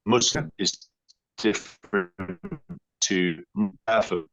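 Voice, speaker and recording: A man's voice: lowish voice, very animated, takes it slowly, creaky, fairly bright tone, no echo. A man speaking on a video call during a panel discussion, his audio choppy and breaking up as he explains his point. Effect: choppy audio breaking up over a video call. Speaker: panel guest. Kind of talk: casual online panel discussion.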